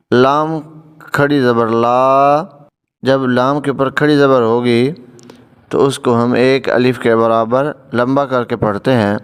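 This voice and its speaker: Man teaching slow melodic recitation. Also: mid-range voice, clean tone. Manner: explains slowly and precisely, drawn-out melodic recitation. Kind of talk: tajweed lesson, spelling out letters and reciting slowly.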